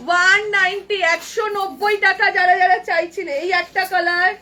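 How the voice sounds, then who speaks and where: A woman running a live clothing sale, briskly calling out prices over and over and chatting with helpers and viewers through an earbud mic. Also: very high-pitched, flat delivery, pushed and bright. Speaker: boutique owner selling clothes live. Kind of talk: live sales patter.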